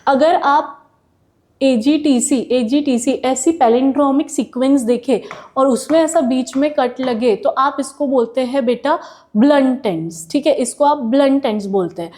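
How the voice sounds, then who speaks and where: Female biology teacher, high mellow voice, relaxed explaining, Indian English accent on technical terms. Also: a little slow. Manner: explains with homely examples, calls students "beta"; mixes English terms into Hindi, frequent "theek hai". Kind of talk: classroom lecture.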